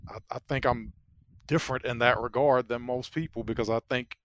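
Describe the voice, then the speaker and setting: A man's voice: mid-range voice, fairly even intonation, a little fast, a bit bright, a little hiss or hum. A man co-hosting a casual political podcast, reflective and self-deprecating, laughing often. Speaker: podcast co-host.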